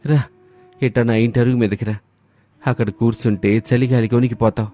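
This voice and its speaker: Storybook role: gentle old countryman, soothing and reassuring, warm dark tone, a man doing him. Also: mid-range voice, little pitch movement, fairly quick, close to an everyday voice. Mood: calm.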